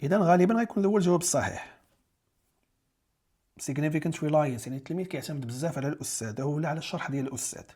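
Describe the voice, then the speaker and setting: A man's voice: a little high, darkish tone, breathy edge. A man with a Moroccan Arabic accent teaching an exam-prep lesson, explaining step by step and rephrasing key English terms in Darija.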